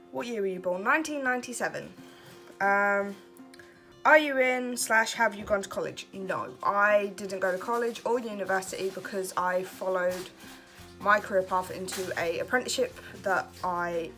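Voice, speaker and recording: A woman in her twenties from Kent, England, speaks with a medium pitch and a bright, forceful tone. Relaxed late at night, she's a vlogger doing a casual get-to-know-me chat, answering questions chattily, laughing often and poking fun at herself.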